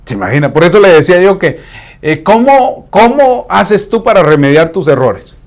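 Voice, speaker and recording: Predicador, acento centroamericano, voz algo aguda y muy expresiva, actúa las escenas. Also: male voice, high voice, normal speed. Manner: animated, acts out scenes in voices. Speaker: preacher. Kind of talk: sermon.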